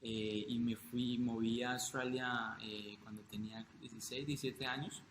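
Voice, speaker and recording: A man's voice: medium pitch, flat delivery, moderate pace, fairly bright tone, roomy sound, a little hiss or hum. A man from Colombia, a guest health coach, talking casually in an interview and hesitating with many fillers and restarts.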